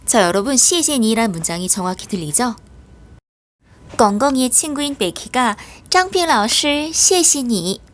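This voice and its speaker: Young adult female teacher, online class, animated sing-song pitch, patient and clear. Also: a little hiss or hum. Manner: patient, lively explaining with drawn-out model words. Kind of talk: online school lesson.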